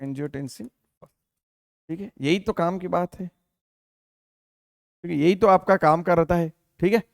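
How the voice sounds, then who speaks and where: A man with a fairly high voice teaches a biology exam-prep lesson. He keeps firing questions at his students and answering them himself, calling them dear and leaning on fillers. The sound is close and dry, with no room echo. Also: unhurried, vocal fry. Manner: calls listeners beta, many fillers like theek hai. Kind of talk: Hindi exam-prep lecture.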